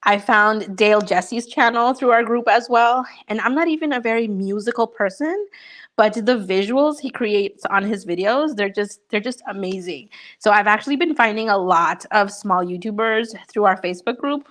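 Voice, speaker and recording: A woman's voice: mid-range voice, normal speed, fairly bright tone. Young woman from honduras chatting w viewers on a stream, upbeat, lots of ums and likes. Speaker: YouTuber answering viewers. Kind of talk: casual livestream chat.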